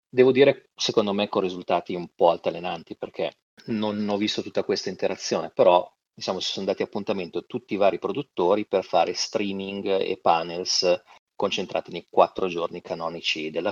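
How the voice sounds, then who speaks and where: Very deep gravelly male podcast guest. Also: dry recording. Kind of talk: casual podcast chat. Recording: dull, dry lo-fi mic.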